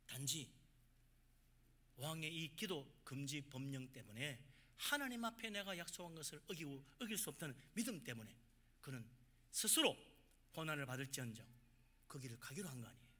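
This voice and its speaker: A man preaching a sermon as pastor of a church, with emphatic swings between loud exhortation and quiet asides. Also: fairly high pitch, expressive, normal speed.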